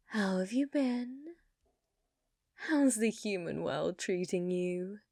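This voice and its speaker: A female performer voices an ancient, possessive yokai woman in an ASMR roleplay, her voice fairly high, a little mellow and exaggerated. The sound is dry and close with no echo, and she speaks very slowly. Coy, doting and dominant, she teases the listener with a menacing sweetness, often sinking to a whisper in an intimate way.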